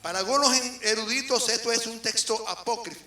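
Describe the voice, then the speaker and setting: A man with a Venezuelan accent preaching a sermon as an apostle, swinging between loud emphasis and quiet asides and firing questions at the congregation. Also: very high voice, brisk, far from the mic. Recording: roomy hall from off the mic, faint music.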